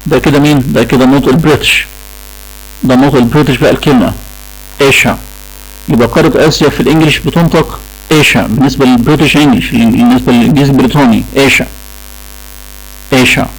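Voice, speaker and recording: Fast-talking Egyptian man teaching a class. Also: mid-range voice, steady tone, low-quality recording. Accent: Egyptian Arabic. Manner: repeats key points and checks with the class. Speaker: English teacher. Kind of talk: classroom lecture.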